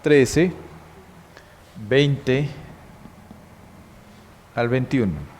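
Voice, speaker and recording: Slow, questioning Colombian Bible teacher. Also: male voice, medium pitch, lively intonation, darkish tone, slight background noise. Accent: Colombian Spanish. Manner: asks the class questions, repeats key words. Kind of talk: church Bible class.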